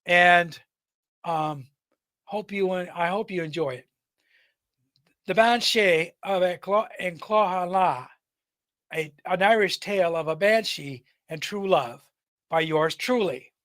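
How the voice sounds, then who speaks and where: A man hosts a storytelling podcast in a high, bright voice. He reads scripted folk tales aloud, sometimes tripping on a word and repeating it. The sound is close and dry, with very little room echo. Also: slow, pauses often. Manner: stumbles and repeats words while reading. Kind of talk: scripted narration, reading a folk tale.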